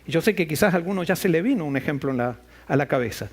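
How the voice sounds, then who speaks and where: A man's voice: fairly high pitch, expressive, very fast. A man preaching a sermon as pastor, firing off rhetorical questions and acting out the voices he quotes. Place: church.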